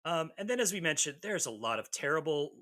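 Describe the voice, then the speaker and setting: This is a man co-hosting a podcast in relaxed chat. His voice is bright and his pitch moves a lot, and he slips in dry, sarcastic asides while talking. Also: fast talker. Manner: wry, joking, lots of fillers and restarts. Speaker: podcast co-host. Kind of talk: casual chat.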